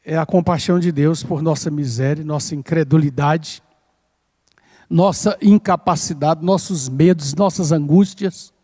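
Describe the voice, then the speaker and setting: An older Brazilian man from Minas Gerais preaching a sermon as pastor, swelling to emphatic peaks and dropping soft, calling the congregation to repeat words. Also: a little high, measured pace. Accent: Brazilian Portuguese, Minas Gerais. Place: church sanctuary. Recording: long church hall reverb.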